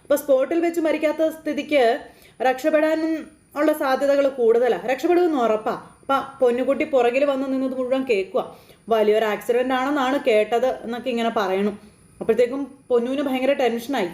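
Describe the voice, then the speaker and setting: A woman's voice: high-pitched, brisk, a little mellow. A woman casually retelling a TV serial episode in a chatty way, adding tag fillers and repeating what the characters said. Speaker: recap narrator of a TV serial. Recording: roomy echo.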